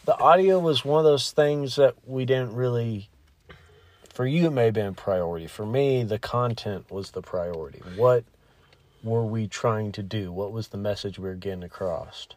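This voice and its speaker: A man's voice: lowish voice, moderate pace, darkish tone, dry recording. A man hosting a podcast, chatting casually and rambling, with offhand swearing. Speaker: podcast host.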